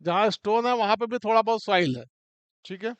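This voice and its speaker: A man teaching mining, explaining a model step by step in a relaxed classroom way and often checking in with the listener. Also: sits high, brisk, clean tone, dry recording.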